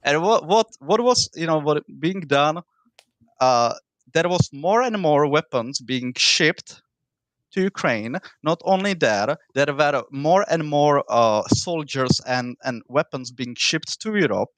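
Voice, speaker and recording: A man who is not a native English speaker, with a foreign accent and rolled r's, argues in an informal political debate, often halting and repeating words. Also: on the high side, expressive, a bit bright, dry recording. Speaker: debate participant.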